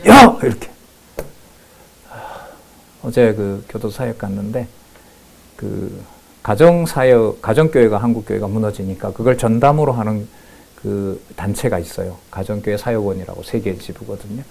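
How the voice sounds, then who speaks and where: A man's voice: on the low side, normal speed, vocal fry, long pauses. Man preaching in a sermon. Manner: shifts between calm scripture reading and loud emphatic remarks. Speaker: pastor.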